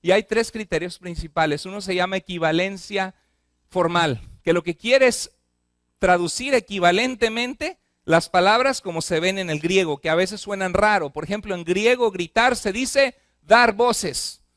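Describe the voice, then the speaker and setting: A male pastor preaches to his church in a fairly high voice. He keeps turning to the congregation with questions, rushing through lists and then slowing to press a point home. The sound is dry and close, with little room echo. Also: a bit bright. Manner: asks the congregation frequent questions; speeds up on repeated lists, slows for emphasis. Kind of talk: sermon.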